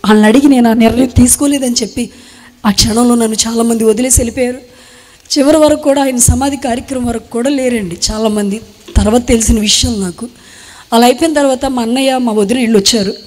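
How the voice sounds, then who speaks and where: A woman's voice: fairly high pitch, steady tone, a little mellow. Young woman giving an earnest testimony, echoing. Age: young adult. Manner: earnest, halting retelling in short phrases. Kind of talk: emotional spoken testimony. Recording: long hall reverb.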